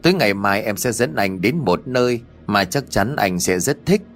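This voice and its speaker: A man's voice: fairly low pitch, animated, normal speed, soft background music. A man doing a coaxing, secretive young woman.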